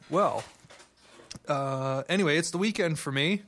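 A man with a self-described monotone voice, hosting a radio music show from the studio in casual, easygoing chat. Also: fairly high pitch, measured pace, a little hiss or hum. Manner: easygoing, chatty aside-filled delivery. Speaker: radio host. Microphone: studio microphone.

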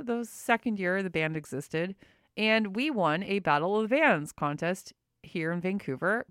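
A woman's voice: fairly low pitch, creaky, fairly bright tone, clean tone, dry recording, studio quality. A middle-aged woman talking through a face mask, slightly muffled, chatting informally and rambling as she hosts a radio fundraising show. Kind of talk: casual unscripted radio fundraising chat. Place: radio studio.

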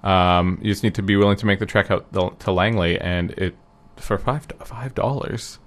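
A man with a very low, deep voice talks in casual chat. He rambles, hesitates and restarts his sentences often, filling gaps with ums. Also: steady tone, normal speed. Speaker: guest recounting an event.

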